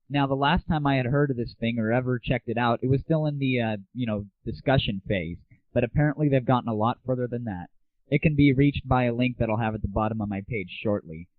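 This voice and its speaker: Here a man with a mid-range voice riffs alone on games and the internet in a casual, scripted, irreverent monologue full of crude sarcasm. It's recorded dry, with the muffled lo-fi quality of 1990s internet audio.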